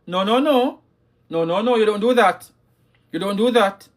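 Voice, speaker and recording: A man's voice: high voice, moderate pace. Emphatic, scolding male livestream host. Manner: emphatic, repeats key lines, scolding; reads out viewer comments. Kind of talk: live talk on parenting.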